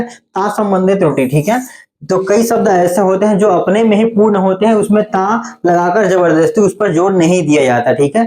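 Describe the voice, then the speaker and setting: A man's voice: high-pitched, a little mellow. Male hindi teacher, patient step by step explaining, keeps checking in with the class. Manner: explains patiently, often says "theek hai" to check in. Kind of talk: online class lecture.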